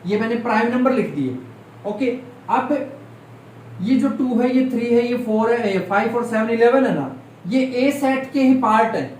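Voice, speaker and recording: In a call-and-response maths class, a man quizzes students nonstop and repeats key terms for them to say back. His voice is extremely high, a little mellow and at normal speed, heard distantly through a room mic in an echoey room with faint noise.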